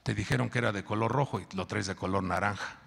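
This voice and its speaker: A male pastor preaching a sermon, animated and quizzing the congregation. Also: fairly low pitch, quick pace, gravelly, breathy edge, big-room sound.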